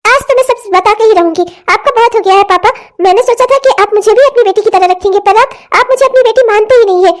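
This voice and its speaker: A woman's voice: very high voice, fast talker, few pauses. A woman voicing a jealous, sulky teenage daughter in a cartoon who whines and tattles. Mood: jealous whining. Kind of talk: cartoon voice acting.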